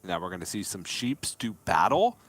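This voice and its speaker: A man's voice: low voice, very animated, normal speed, a bit bright. A man casting a live card game tournament, teasing his co-caster with playful banter. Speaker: esports caster.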